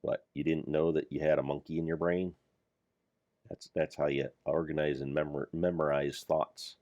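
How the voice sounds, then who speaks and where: Over gameplay of a Minecraft mod pack, an older man offers wandering, jokey commentary that pokes fun at himself. His very deep voice stays level at a moderate pace and sounds a little mellow. The recording is dry but muffled.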